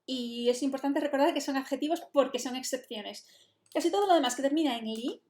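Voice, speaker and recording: High-voiced Spanish woman teaching in a roomy echo. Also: a little fast, darkish tone. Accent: Spain Spanish. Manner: chatty, explanatory, mixes in English phrases. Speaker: English teacher. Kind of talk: online English lesson explanation.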